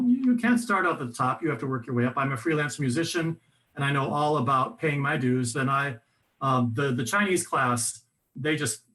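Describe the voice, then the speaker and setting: A man presenting a voice workshop in a conversational, instructive way, often restarting his sentences. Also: medium pitch. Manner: conversational, animated, with frequent restarts and fillers.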